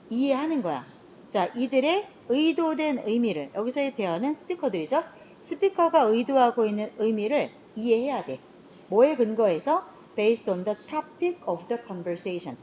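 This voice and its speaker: A woman teaching a high school class, explaining an English reading passage and now and then scolding students for dozing off. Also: a little mellow, slight background noise. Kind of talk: classroom lecture.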